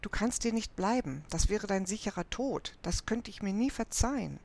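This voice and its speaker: Eine Frau, die in einem Hörbuch einen jungen, beschützenden Ritter spricht, leise und drängend. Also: female voice, medium pitch, animated, moderate pace, vocal fry, darkish tone. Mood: hushed urgent. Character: young male knight, protective and urgent.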